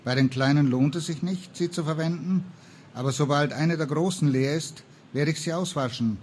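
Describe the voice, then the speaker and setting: A man's voice: a little high, normal speed, darkish tone, slight background noise, lightly acted. A man reading the lines of a stern, dutiful young woman, a traveling apothecary in an old tale, in a firm, earnest manner. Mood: matter-of-fact.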